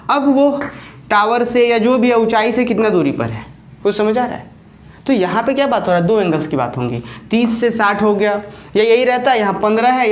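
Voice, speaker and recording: Higher-pitched woman teaching a maths class. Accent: Jharkhand Hindi. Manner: explains step by step, often checks understanding. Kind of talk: online class lecture.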